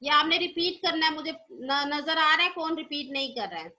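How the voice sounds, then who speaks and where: A woman teaching young children in an online class, patiently repeating each point, checking in often and sounding out syllables slowly for them to repeat. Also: high voice, lively intonation, sharp tone. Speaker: primary school teacher.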